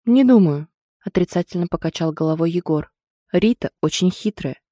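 A woman's voice: fairly low pitch, expressive, moderate pace, warm tone, no echo, clean studio sound. A woman reading an audiobook, voicing a stern, protective older brother who barks firm orders. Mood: bitter.

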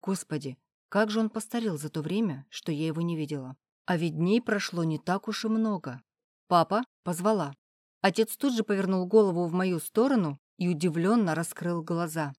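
A woman reading a first-person audiobook in an even, measured way. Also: lowish voice, dry recording, clean studio sound. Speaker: audiobook narrator.

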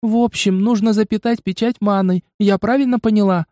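A man's voice: sits high, steady tone, fairly quick, warm tone, dry recording, studio quality, voice pushed up, close to an everyday voice. A man voicing a young undead pet girl who is coy, childish and capricious. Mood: pert. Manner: childish, wheedling coquettish lilt.

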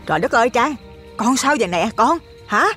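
A man's voice: extremely high pitch, lively intonation, fairly quick, sharp tone, slightly rough, soft background music, pitched above the performer's own voice, full character voice. A man voicing an alarmed, motherly older countrywoman.

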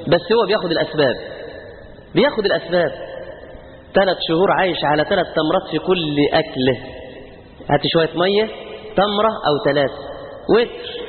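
Egyptian male preacher, fervent sermon, high voice, tinny lo-fi line, long hall reverb. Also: fast talker, pauses often. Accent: Egyptian Arabic. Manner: fervent, rising to loud emphatic peaks. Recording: tinny phone-like sound, long hall reverb, faint noise.

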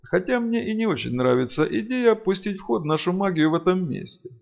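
A man reading an audiobook, voicing a learned, composed female sorceress in a measured, dry way, with a gravelly tone on a lo-fi recording. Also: sits high, expressive, pitched above the performer's own voice.

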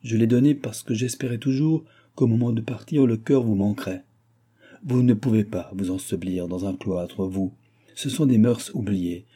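A man's voice: lowish voice, normal speed, dark tone, slightly rough. A man reading the lines of an aging proud king and fond father in an audiobook, pleading and reproachful by turns.

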